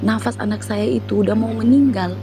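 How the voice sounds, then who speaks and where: A woman's voice: fairly high pitch, brisk, over music, rough recording. A woman telling an earnest, emotional personal testimony as an interview guest.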